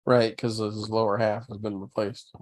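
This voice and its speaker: A man co-hosting a casual watch-along livestream, making joking asides and quick reactions. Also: lowish voice, little pitch movement, no room sound. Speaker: podcast co-host.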